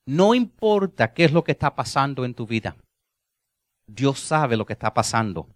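Predicador animado, voz muy expresiva. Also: male voice, moderate pace, dry recording, studio quality. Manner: animated, sweeping from soft low endings to loud emphatic lines. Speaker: preacher. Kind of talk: sermon.

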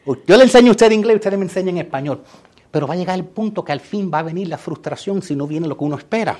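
A middle-aged man, preaching a lively sermon and acting out quotes, sometimes shouting. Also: high voice, fast talker. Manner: animated, acts out quotes and shouts for emphasis. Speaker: pastor.

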